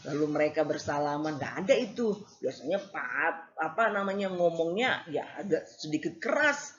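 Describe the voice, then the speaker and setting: A woman's voice: sits low, animated, normal speed. A woman lecturer giving a casual classroom lecture, hesitating with many fillers and acting out examples. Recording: slightly dull lo-fi recording.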